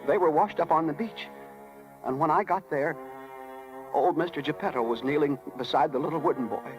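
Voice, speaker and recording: An actor voicing a folksy, earnest little cricket who narrates dramatically in a 1930s radio play. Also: male voice, fairly high pitch, brisk, close to an everyday voice, low-quality recording. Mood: sad, hushed. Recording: 1939 radio broadcast, loud music behind.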